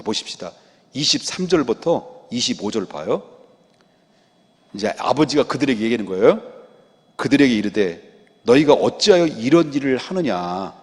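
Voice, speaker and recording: A man's voice: medium pitch, a little mellow. A man, the senior pastor, preaching an expository sermon in a church sanctuary and pressing the congregation with rhetorical questions. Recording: reverberant church hall.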